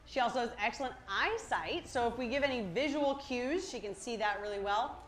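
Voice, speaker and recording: A woman's voice: a little high, expressive, brisk, fairly bright tone. A cheery, enthusiastic woman working as a zookeeper, giving an educational talk to a live audience over a microphone. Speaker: zoo animal keeper and presenter. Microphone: worn or held presenter microphone. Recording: clear ambient noise behind voice.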